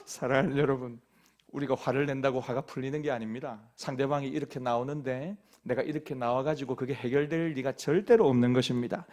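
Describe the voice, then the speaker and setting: A middle-aged pastor with a Gyeongsang accent from Busan, preaching a sermon in a folksy, joking storytelling way. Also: male voice, mid-range voice, fairly even intonation, brisk, darkish tone.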